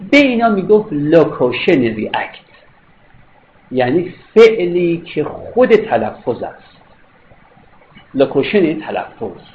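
A man giving a philosophy lecture, explaining step by step, rephrasing points and checking that listeners follow. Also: sits high. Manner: explanatory, repeats and rephrases, checks understanding with questions. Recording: dull lo-fi recording with faint noise.

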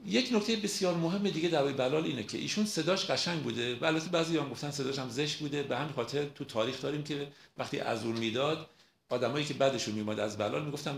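A man giving a storytelling lecture on mystical poetry, who slows right down and draws out the lines when he recites verse. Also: mid-range voice, vocal fry. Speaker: lecturer on Rumi. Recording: roomy echo.

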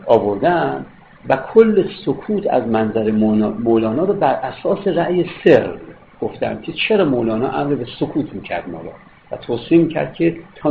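A man's voice: medium pitch, creaky. A man giving a philosophy lecture, explaining step by step, rephrasing points and checking that listeners follow. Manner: explanatory, repeats and rephrases, checks understanding with questions. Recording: dull lo-fi recording with faint noise.

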